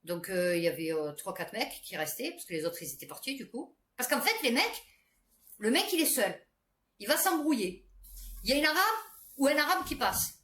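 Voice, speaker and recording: A woman's voice: a little high, big pitch swings, moderate pace, fairly bright tone. A woman vlogger telling a story to camera in a casual, rambling way, full of fillers and restarts. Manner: chatty, many fillers and restarts. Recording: echoey room with faint background noise.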